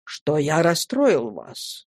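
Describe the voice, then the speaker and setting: Female reader voicing a sulky, distracted wealthy man, middle-aged, low and hesitant, storybook reading. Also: huge pitch swings, drawn-out words, darkish tone, no room sound, studio quality, full character voice. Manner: mumbling, sulky, flustered. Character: gloomy, absent-minded, rich middle-aged businessman.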